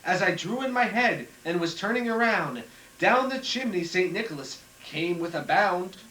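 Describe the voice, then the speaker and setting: A high, lively man's voice reads a holiday poem aloud, picked up far from the camcorder mic on an old home VHS tape. The room is echoey and a faint tape hiss sits under everything. His pitch swings up and down as he tells the story. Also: normal speed.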